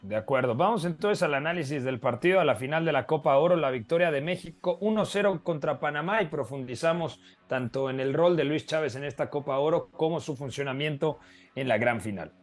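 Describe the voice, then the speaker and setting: A man's voice: on the high side, fairly quick, soft background music. A man hosting a conversational football discussion and analysing the play. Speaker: sports show host.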